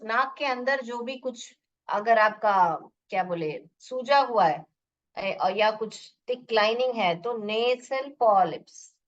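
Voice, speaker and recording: Woman English teacher, slow and higher-pitched, drills words; muffled recording. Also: distant mic. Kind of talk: bilingual classroom lesson. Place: room with a board.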